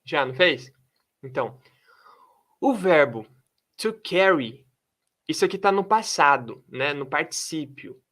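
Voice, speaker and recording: A man's voice: fairly high pitch, animated, a bit bright. A man teaching an English lesson, mixing explanations with English words and carefully modeling pronunciation. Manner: switches between Portuguese and English, models pronunciation slowly. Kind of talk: English lesson taught in Portuguese.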